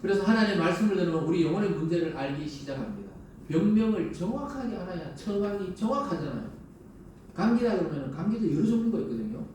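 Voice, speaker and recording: A man's voice: high-pitched, sing-song, quick pace, darkish tone. A man preaching a sermon in a conversational way, asking the congregation rhetorical questions, recorded from a distance in a church sanctuary. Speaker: pastor. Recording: very echoey church hall, voice from a distance, faint hum.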